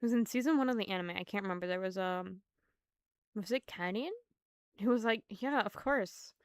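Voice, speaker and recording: A woman's voice: mid-range voice, fairly quick, clear, resonant tone, no echo. A young woman streaming a game, chatting in a rambling, self-mocking way. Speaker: vtuber streamer. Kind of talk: game commentary.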